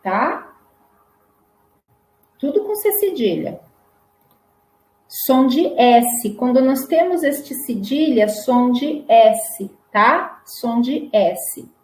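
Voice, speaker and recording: Brazilian woman, language teacher; very slow, drilled word-by-word delivery, echoey room. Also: on the high side, lively intonation, a little mellow. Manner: slow, drawn-out repetition of single words. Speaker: Portuguese teacher. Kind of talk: pronunciation lesson for learners. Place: classroom with whiteboard.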